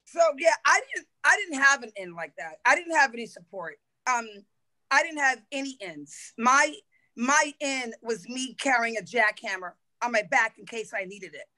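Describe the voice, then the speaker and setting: A middle-aged woman, a former football coach, telling stories in a podcast interview, lively and swearing freely as she acts out quotes. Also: fairly high pitch, normal speed, low-quality recording. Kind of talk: animated storytelling in a podcast interview.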